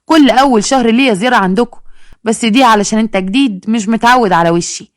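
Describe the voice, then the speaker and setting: A woman voicing a loud, battered Egyptian wife who wails, bargains and drops folk sayings. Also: a little high, fast talker, no room sound, studio quality, natural voice. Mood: complaining, wailing. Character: battered chatty local wife, loud and complaining.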